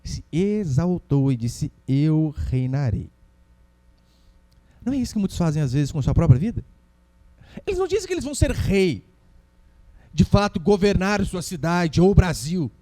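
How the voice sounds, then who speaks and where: Animated Brazilian pastor preaching. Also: male voice, sits high, normal speed. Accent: Brazilian Portuguese. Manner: animated, acts out quoted voices. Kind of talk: sermon. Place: church.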